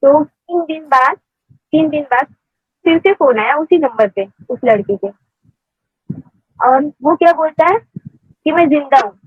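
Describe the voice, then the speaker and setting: A woman's voice: sits high, lively intonation, takes it slowly, pauses often, no room sound. A woman caller telling a personal story in casual, rambling speech with many hesitations, heard over a phone line.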